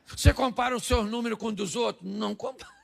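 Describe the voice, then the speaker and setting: A man's voice: extremely high pitch, fast talker, a little hiss or hum. A Brazilian man preaching a humorous sermon as a pastor, acting out dialogue and asking the congregation to answer yes or no. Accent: Brazilian Portuguese. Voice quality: gravelly, husky. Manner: jokey storytelling, acts out dialogue, asks the crowd "sim ou não?".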